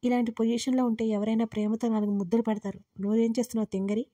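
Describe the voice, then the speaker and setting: A gruff yet loving young husband who teases and scolds his wife in banter, read by a woman narrator. The delivery stays even and level with little swing in pitch. The tone is mellow and a touch high, close to the reader's own voice. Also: very fast, no room sound, natural voice. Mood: teasing scold.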